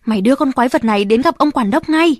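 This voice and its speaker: A gruff factory foreman, played by a woman reader yells orders in a raised, strained voice. He is bossy and quick to anger. The storybook reading is close and dry. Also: high voice, lively intonation, dry recording. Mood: angry shouting.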